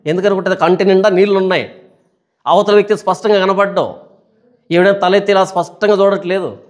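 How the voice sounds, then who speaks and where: Male pastor, high-pitched, animated teaching sermon full of rhetorical questions. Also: quick pace. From India. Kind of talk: Bible study sermon.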